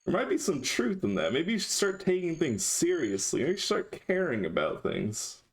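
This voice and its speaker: A man's voice: on the high side, wildly swooping pitch, normal speed. A man chatting casually on a live stream, talking to his chat in a dry, sarcastic way.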